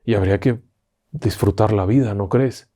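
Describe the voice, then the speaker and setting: Guy doing a soft sweet ghost girl from a spooky road story, gentle and persuading, mellow tone. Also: fairly low pitch, moderate pace, close to an everyday voice. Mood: gentle coaxing. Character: gentle young female ghost hitchhiker.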